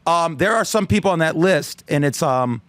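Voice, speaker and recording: A man on a podcast, telling stories in a loose, animated way, acting out quotes and swearing freely. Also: a little high, moderate pace, no echo. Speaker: guest comedian. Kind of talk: casual podcast chat.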